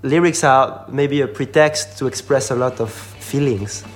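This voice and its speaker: A man's voice: mid-range voice, unhurried, soft background music. Cheerful French-speaking male musician. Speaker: musician guest. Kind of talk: interview answers.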